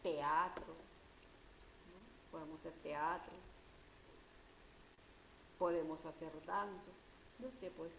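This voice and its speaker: A woman teacher giving a lecture, explaining patiently and checking in with rhetorical questions. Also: mid-range voice. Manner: explanatory, asks rhetorical "¿no?" often. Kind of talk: university-level lecture. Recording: echoey room with faint hiss.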